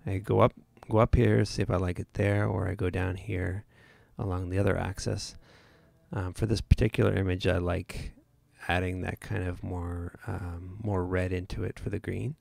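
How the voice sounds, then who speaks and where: A man's voice: low voice, flat delivery, normal speed, creaky, a little mellow, no echo. A man hosting a live photo editing tutorial, talking casually with many fillers and restarts.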